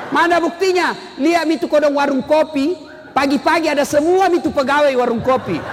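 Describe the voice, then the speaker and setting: A male Islamic preacher, giving a humorous sermon and telling stories in an animated, teasing way with sudden shouts. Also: very high-pitched, a little fast, slight background noise. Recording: reverberant hall with faint ambience.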